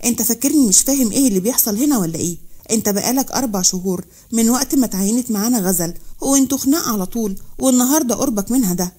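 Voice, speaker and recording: A woman's voice: fairly high pitch, very fast, warm tone, husky. A woman voicing a commanding Egyptian general. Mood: stern. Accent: Egyptian Arabic. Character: senior male army general, stern and fatherly.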